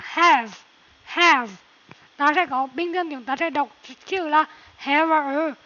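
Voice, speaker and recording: A woman teaching English pronunciation, reading a passage slowly and repeating words, then explaining quickly. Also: high-pitched, fairly bright tone. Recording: dull lo-fi recording.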